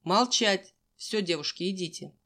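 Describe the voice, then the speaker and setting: A woman's voice: medium pitch, moderate pace, lightly acted. A woman voicing a stern male gym teacher who barks curt orders, in an audiobook.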